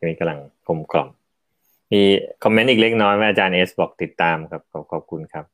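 A man with a very low voice, speaking as co-host in a relaxed talk. His replies are short and polite. The sound is dry and close, with no room echo. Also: quick pace. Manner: brief acknowledgements, polite. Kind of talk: casual chat, keeping time.

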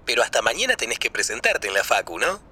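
A man playing a bright-voiced young Argentine guy. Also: medium pitch, very animated, exaggerated voice. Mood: friendly. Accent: Argentine Spanish. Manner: quick, casual slang. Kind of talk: scripted dialogue for a language lesson.

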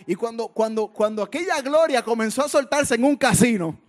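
High-voiced preaching man. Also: lively intonation, brisk. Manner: preaching with sudden loud outbursts and hushed storytelling. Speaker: pastor. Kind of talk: sermon.

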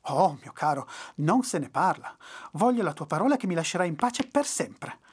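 Brief: sly, pleading old schemer, done by the narrator, husky and lively. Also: mid-range voice, fairly quick. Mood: gloating. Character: cunning, scheming old man Jack. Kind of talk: storybook reading.

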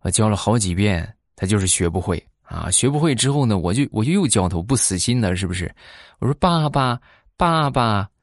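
A man's voice: lowish voice, expressive, a little mellow, no echo, clean studio sound. A man hosting a podcast, telling funny everyday stories in a chatty way and often tacking on tag questions. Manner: chatty, drops tag questions and drawn-out particles. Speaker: podcast host. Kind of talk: comic anecdote storytelling.

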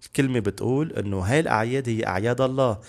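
A man's voice: medium pitch, rapid-fire. A man teaching the Bible on a podcast, earnest and repeating key words for emphasis. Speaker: preacher.

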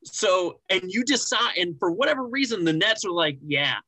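A young man co-hosting a casual sports podcast, rambling and animated with many restarts and fillers. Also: high voice, moderate pace, no echo, rough recording. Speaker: podcast co-host.

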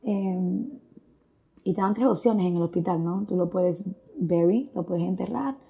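Speaking in Spanish sprinkled with English phrases, a woman gives a reflective, earnest account of her faith, with frequent fillers. Her voice is fairly low and dark, unhurried, with vocal fry.

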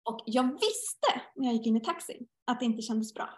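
A woman's voice: fairly high pitch, very animated. A middle-aged woman in a casual podcast conversation, telling personal stories and acting out her inner dialogue. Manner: storytelling, acts out inner dialogue. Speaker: guest teacher. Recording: roomy echo.

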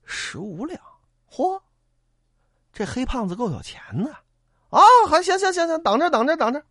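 A man's voice: very high voice, lively intonation, quick pace, pushed and bright, no echo, clean studio sound, voice pushed up, exaggerated voice. A male storyteller voicing a greedy, sly boatman who taunts his pursuers. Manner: sneering, taunting. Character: sly greedy river boatman, gruff ruffian.

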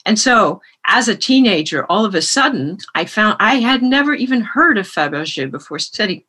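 Husky French-raised woman. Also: medium pitch, animated, moderate pace, sharp tone. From France. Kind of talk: interview, personal story. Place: remote call.

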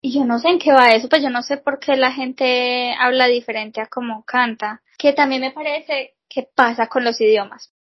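Higher-voiced woman, husky and dry. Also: steady tone, normal speed, hardly any pauses, no room sound, dull audio. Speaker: podcast co-host. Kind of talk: casual chat.

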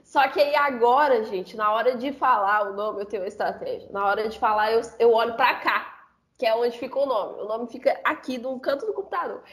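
Woman, high voice, chatty, laughing, lots of fillers. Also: brisk. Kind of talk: casual chat.

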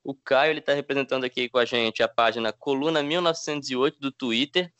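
A man's voice: mid-range voice, fairly even intonation, fast talker, fairly bright tone, smooth, no room sound. A man with a Brazilian Portuguese accent co-hosting a football podcast, introducing and asking questions casually. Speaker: podcast co-host.

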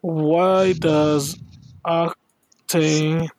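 A man's voice: fairly high pitch, little pitch movement, very slow, darkish tone, no room sound. A man co-hosting a podcast, chatting loosely with friends and swearing freely. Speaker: podcast co-host. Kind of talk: casual chat.

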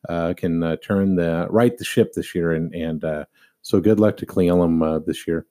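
A man's voice: deep voice, steady tone, normal speed, mellow. A middle-aged man co-hosting a local sports radio show, talking in a loose, rambling way with lots of fillers. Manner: rambling, many fillers and restarts. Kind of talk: casual sports talk.

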